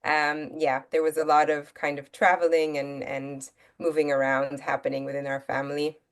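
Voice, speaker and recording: A woman born in Italy and raised in Belgium, an author answering interview questions in a measured, thoughtful way with frequent pauses. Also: deep voice, little pitch movement, smooth. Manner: measured, thoughtful, many ums. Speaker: guest author. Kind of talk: interview conversation.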